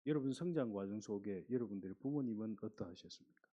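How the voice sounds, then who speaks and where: Animated male pastor preaching. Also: fairly low pitch, quick pace, highs cut off. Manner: animated preaching, reads scripture aloud, asks the congregation questions. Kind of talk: sermon.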